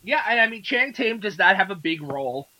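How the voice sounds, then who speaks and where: Bright high-voiced man chatting about movies. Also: sing-song, quick pace, dry recording, rough recording. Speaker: podcast co-host. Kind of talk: casual movie review chat.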